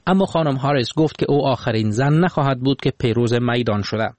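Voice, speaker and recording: Afghan Dari male news anchor, mid-pitched, dry sound, steady formal read. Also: no echo. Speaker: news presenter. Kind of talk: news report.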